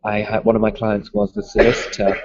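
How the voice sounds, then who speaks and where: Gravelly, hesitant man with a mild Liverpool accent. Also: sits high, very animated, fairly quick, darkish tone, no room sound. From Liverpool, England. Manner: hesitant, many ums and restarts. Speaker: music school owner, interviewee. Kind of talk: casual interview answers. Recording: dull lo-fi sound.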